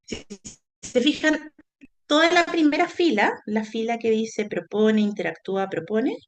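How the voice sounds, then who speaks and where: Gravelly-voiced woman teaching teachers. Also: fairly high pitch. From Chile. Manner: explanatory, often checks in with "¿no?" and "¿ya?". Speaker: lecturer in early childhood education. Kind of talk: recorded teacher-training workshop talk.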